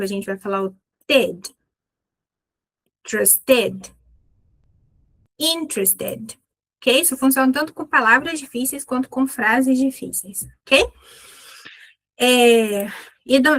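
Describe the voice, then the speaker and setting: Speaking in a somewhat bright, slightly high voice, this Portuguese-speaking Brazilian woman leads an English class. She lays out the material in a clear, instructive manner and slowly repeats English words for practice.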